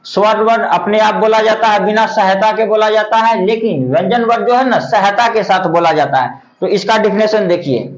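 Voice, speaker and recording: A man teaching grammar, explaining step by step, drawing out letter sounds slowly and asking himself rhetorical questions. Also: high voice. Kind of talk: classroom-style explanation. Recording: echoey room, dull lo-fi audio.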